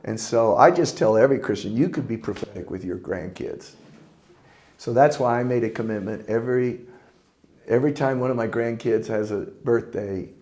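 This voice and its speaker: Older male pastor, lowish voice, folksy conversational sermon, warm chuckles. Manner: folksy, chuckling, earnest preaching.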